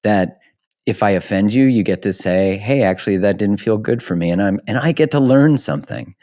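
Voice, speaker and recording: A podcast host conducts an interview conversation in a low-ish voice with lively intonation, brisk and slightly mellow. He comes across as earnest and reflective, often searching for words.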